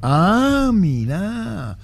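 A man's voice: high-pitched, big pitch swings, very slow, vocal fry. A man hosting a sports radio show, teasing his co-hosts and reading out listener messages. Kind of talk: casual sports radio banter.

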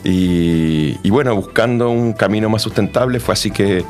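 This Argentine company manager has a lowish, darkish voice and talks at a moderate pace, with faint music playing behind him. He answers casually as an interview guest, friendly and frequently restarting his sentences in Argentine Spanish.

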